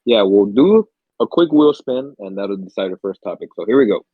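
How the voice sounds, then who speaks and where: This podcast co-host is a young man with a lowish, husky voice and lively intonation, speaking at a moderate pace. Though a little stuffy and under the weather from a cold, he keeps things casual, rambling through stories and swearing freely. The sound is tinny and narrow, without echo.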